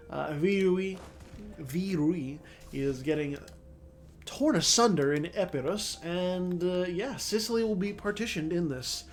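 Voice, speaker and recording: Congested and hoarse, a man whose voice is a little high with a darkish tone offers loose let's-play commentary on a strategy game, thinking out loud and filling gaps with plenty of fillers.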